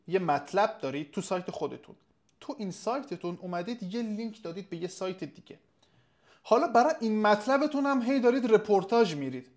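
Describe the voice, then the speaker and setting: A man hosting a live webinar as an SEO consultant, reading out viewers' questions, thanking them by name and answering off the cuff with frequent hesitations. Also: high-pitched.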